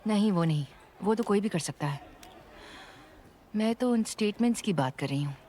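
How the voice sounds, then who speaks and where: A woman dubbing a persuasive, measured female sports official in a drama. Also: medium pitch, expressive, warm tone, a little hiss or hum, lightly acted. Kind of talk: dubbed drama.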